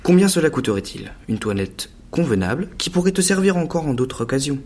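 A man voicing a meek, well-meaning clerk husband in an audiobook story, speaking in a gentle, coaxing way. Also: fairly high pitch, animated, a little fast, slight background noise. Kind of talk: audiobook dialogue.

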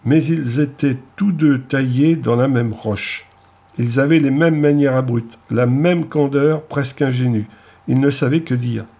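A man narrating an audiobook in a steady, measured reading. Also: medium pitch.

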